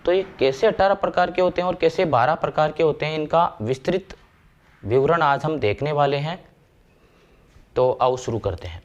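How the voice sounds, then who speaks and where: A man explaining grammar step by step, slowing down to recite verses and sounds. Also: fairly high pitch, highs cut off. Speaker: Sanskrit grammar teacher. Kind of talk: classroom lecture.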